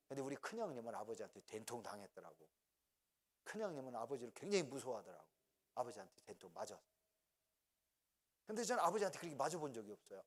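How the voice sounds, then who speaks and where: A middle-aged male pastor preaching a sermon, telling family stories with laughter and acting out his parents' voices. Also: mid-range voice. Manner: storytelling, acts out parents' voices, laughs often.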